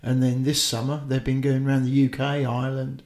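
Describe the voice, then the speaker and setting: A man's voice: mid-range voice, completely flat delivery, brisk, a little mellow. A man with a Norfolk accent co-hosting a diving podcast, rambling casually with plenty of ums and uhs. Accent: Norfolk English. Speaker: podcast co-host. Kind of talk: casual chat.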